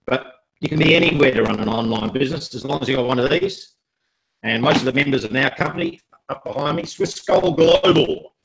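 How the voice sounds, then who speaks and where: A man's voice: medium pitch, fairly quick, gravelly, noisy background. A man hosting a live online panel, jokey and rambling with many fillers. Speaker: host.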